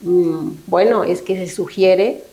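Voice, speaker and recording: A woman's voice: lowish voice, takes it slowly, dark tone, poor audio. A middle-aged woman, a thanatologist guest talking reflectively and unhurriedly in an interview, often checking in with short tag questions. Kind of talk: conversational interview.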